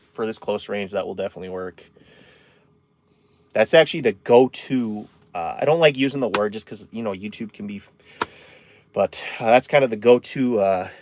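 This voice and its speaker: A man in his thirties chatting casually on a live stream from inside his camper van, rambling and answering viewer comments. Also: fairly low pitch.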